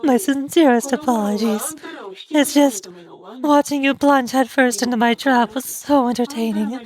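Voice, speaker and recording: A woman's voice: fairly high pitch, darkish tone, natural voice. A woman voicing a game's taunting sniper villain with theatrical, mockingly polite delivery. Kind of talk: live voice acting of game dialogue.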